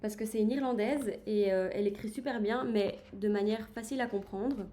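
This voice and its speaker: A woman's voice: mid-range voice, fairly quick, dark tone. A woman chatting in a casual book-review livestream, enthusiastic and full of hesitations as she recommends books. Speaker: book streamer.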